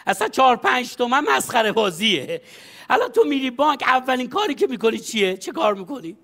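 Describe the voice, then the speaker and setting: Playing a loud-mouthed advisor in a stage sketch, this man bosses his pupil around with brash coaching and laughs a lot. The voice is very high, pushed and bright, swinging widely in pitch.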